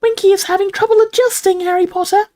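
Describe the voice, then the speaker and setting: In a fast, steady, dark-toned delivery, a woman portrays an eager, servile little male house elf from a storybook. He squeaks shrilly, uses broken grammar, talks about himself in the third person, and sounds confiding and earnest.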